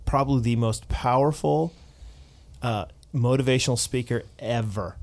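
Male pastor, casual chat, lively, often restarts mid-thought. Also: medium pitch, normal speed.

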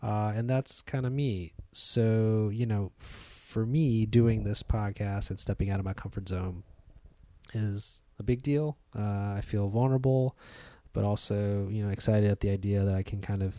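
A young man hosts a casual podcast in a low, soft-spoken voice. He talks in a hesitant, relaxed way with lots of fillers. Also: measured pace. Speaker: podcast host.

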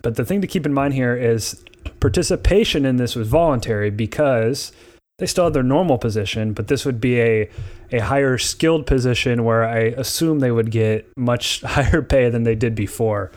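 A man's voice: medium pitch, normal speed, darkish tone. Man, podcast co-host, casual explainer, mid-range voice, loose rambling delivery, recording on an airplane.

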